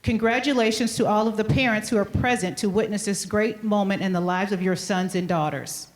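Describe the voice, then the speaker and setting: A woman principal giving a measured, formal podium speech, reading a scripted ceremonial welcome. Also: medium pitch, steady tone. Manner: formal, measured address to an assembly. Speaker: high school principal.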